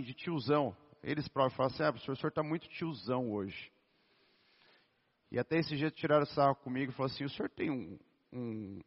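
A man, a physical education teacher, preaching a sermon in a conversational, storytelling way with a naturally hoarse voice. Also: fairly high pitch. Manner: storytelling, conversational, addresses listeners as brothers. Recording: dull sound with long reverb in a hall.

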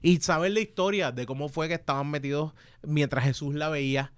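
A man with a Puerto Rican Spanish accent hosts a studio podcast in a loud, animated, casual way, cursing as he goes. His voice sits a little high for a man and sounds smooth and clean. The room is dry and close. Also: a little fast, no room sound. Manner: loud, animated, swearing freely. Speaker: podcast host.

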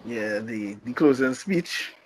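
A man's voice: mid-range voice, animated, slow pace, slight background noise. A man guest in a casual interview, joking and teasing the host and laughing often. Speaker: podcast guest.

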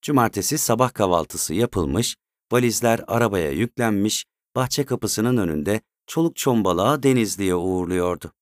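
A man narrating a story in a steady, measured way. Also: lowish voice, no room sound, clean studio sound.

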